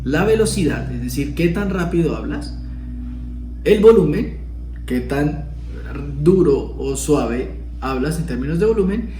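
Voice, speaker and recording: A man's voice: a little high, animated, measured pace, warm tone, roomy sound, slight background noise, poor audio. A man hosting a video lesson, explaining in a casual tone and acting out tones of voice as examples. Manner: demonstrative, acting out emotional tones of voice. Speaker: video host teaching communication. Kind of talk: casual explanatory talk to camera.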